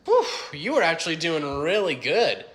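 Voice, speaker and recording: Man acting a higher-pitched, smug card player. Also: wildly swooping pitch, normal speed, fairly bright tone. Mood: smug, matter-of-fact. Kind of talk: comedy skit, explaining card game moves.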